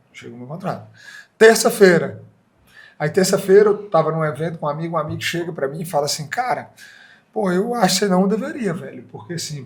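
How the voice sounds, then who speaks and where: A man with a Brazilian Portuguese accent, an entrepreneur telling a story in a casual interview and acting out the dialogue. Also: on the high side. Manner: animated, acts out dialogue in quoted voices. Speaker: franchise entrepreneur guest.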